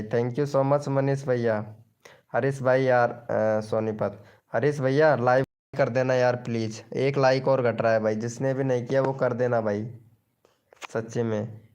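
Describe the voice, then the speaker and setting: Young male live streamer, unhurried and clear-voiced, chatty and teasing with viewers. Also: medium pitch, a little mellow. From Rajasthan, India. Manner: chatty, teasing, pleading for likes. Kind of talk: casual live chat reading comments.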